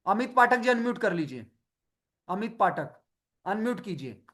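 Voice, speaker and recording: A high-pitched man leads an online webinar with lots of energy. He keeps firing rhetorical questions at the group and calls on participants by name, with a video call sound to his voice. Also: sing-song, moderate pace, a bit bright. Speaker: motivational coach leading a webinar. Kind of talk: lively Hindi webinar talk to online participants.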